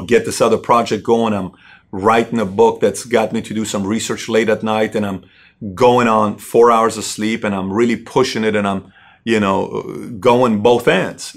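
Speaking in a lowish voice, a middle-aged CEO from Iran recounts his own story, stumbling through frequent fillers and starting sentences over.

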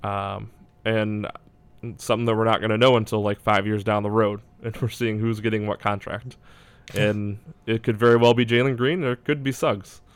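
Low, even-toned man talking basketball. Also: moderate pace, smooth, no echo. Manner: hedging, thinking aloud. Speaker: basketball draft analyst. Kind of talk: casual sports discussion.

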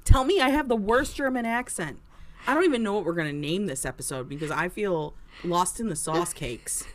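A woman co-hosting a casual book podcast, talking softly and rambling, often trailing off. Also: fairly low pitch, lively intonation, fairly quick. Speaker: podcast co-host. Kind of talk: casual chat.

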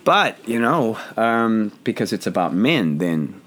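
Hoarse man hosting, lively rambling talk. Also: fairly low pitch, slow, slight background noise. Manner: jokey, rambling, self-deprecating. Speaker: podcast host. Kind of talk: casual chat. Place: home.

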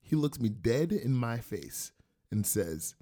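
A man's voice: medium pitch, big pitch swings, slow, warm tone, husky. A young man co-hosting a podcast, chatting casually and wandering into playful side stories. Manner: rambling, playful storyteller with side notes. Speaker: podcast co-host. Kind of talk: casual chat.

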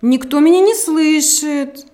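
A woman voicing an aggrieved little male grasshopper in a children's fairy tale reading, loud and plaintive. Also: sits high, slow. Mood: complaining. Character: small thin-voiced male grasshopper, aggrieved.

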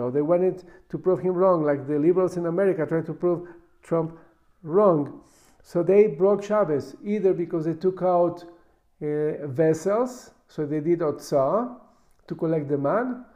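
A man giving a Talmud lesson as a religious teacher, reading and explaining in a halting, emphatic way with repeated words. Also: high voice, dark tone. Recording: dull, lo-fi recording.

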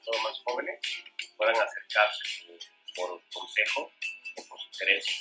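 A man's voice: fairly low pitch, normal speed, over music, rough recording. A Mexican man co-hosting a casual chat over coffee, speaking earnestly and reflectively. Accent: Mexican Spanish. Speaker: co-host.

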